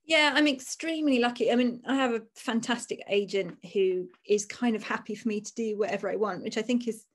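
A woman's voice: fairly high pitch, fairly quick. A woman in her forties, an author, chatting casually and self-deprecatingly on a video call from a room at home.

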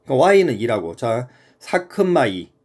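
Lively, casual Korean math teacher man. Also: mid-range voice, unhurried. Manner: casual, keeps checking in with the student. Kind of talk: informal math lesson.

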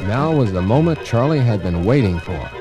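A man giving clear, even scripted narration of a children's storybook. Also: mid-range voice, normal speed, over loud music.

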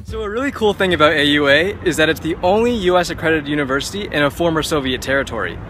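Holding his phone at arm's length, a young man narrates a scripted, cheerful campus tour for his vlog while music plays behind him. He speaks at a quick pace in a slightly high voice.

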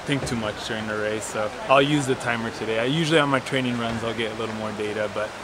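A young man, a trail runner, answering interview questions outdoors in a relaxed, soft-spoken way. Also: mid-range voice, fast, a crowd in the background, low-quality recording. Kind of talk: post-race interview. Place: outdoors in a forest by a race course.

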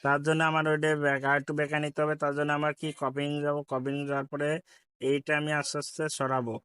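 A man's voice: a little high, completely flat delivery, quick pace, bright, forceful tone, smooth, no room sound, clean studio sound. A man with a Bangladeshi Bengali accent giving a step-by-step app tutorial, repeating each instruction and politely addressing viewers. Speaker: tech tutorial host. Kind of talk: screen-recorded app tutorial.

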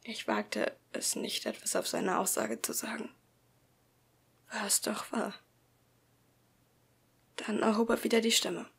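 Slow, breathy woman reading an audiobook. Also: on the high side, flat delivery, a bit bright. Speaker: audiobook reader. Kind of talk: first-person audiobook narration.

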